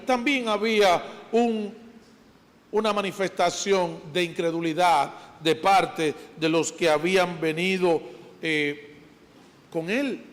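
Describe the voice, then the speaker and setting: A man preaching a sermon in a church, lively, asking his listeners questions and then answering them himself. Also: high-pitched. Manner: animated, asks the congregation questions and answers them. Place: church sanctuary. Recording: long hall reverb.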